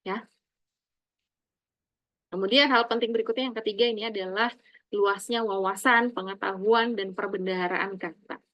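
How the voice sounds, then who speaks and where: A middle-aged woman lecturing her students, speaking in an animated, emphatic way and addressing them fondly as her children. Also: normal speed, long pauses, dry recording, lo-fi sound. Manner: animated, addresses listeners as "Nak", emphatic swings in pitch and loudness.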